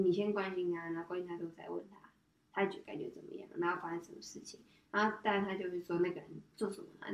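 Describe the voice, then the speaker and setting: A woman guest in a casual chat, speaking calmly and matter-of-factly. She sits well back from the microphone, so her voice carries a roomy echo and a slightly dull, muffled tone. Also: mid-range voice, recorded from a distance. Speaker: guest, the host's daughter.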